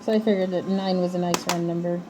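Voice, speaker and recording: A woman's voice: lowish voice, little pitch movement, fast, noisy background. A woman chatting casually and playfully on a livestream while she works, her voice slightly muffled through a respirator mask. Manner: playful, giggly, teasing. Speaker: livestream host, craft maker.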